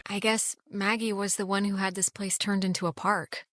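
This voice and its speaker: A woman's voice: medium pitch, level tone, moderate pace, a bit bright, soft background music. A woman giving casual commentary on a game.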